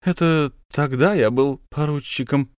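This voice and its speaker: A cautious military officer picks his words slowly and politely, in a somewhat raised voice, as a male narrator plays him. The audiobook sound is dry and close. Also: a little high, smooth, no room sound, voice pushed up, close to an everyday voice. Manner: careful, hesitant, old-fashioned politeness.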